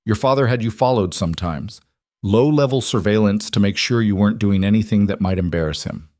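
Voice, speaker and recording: A man's voice: fairly low pitch, a little fast, a little mellow, no echo, studio quality, close to an everyday voice. A man reading the lines of a young mafia boss husband, tense, clipped and firm. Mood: strained.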